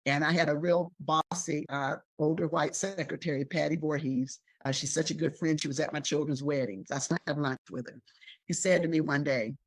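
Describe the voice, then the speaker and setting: A woman's voice: low-pitched, steady tone, normal speed, no echo. Older woman telling a personal story. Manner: emotional, acts out the people in her story. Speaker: interview guest.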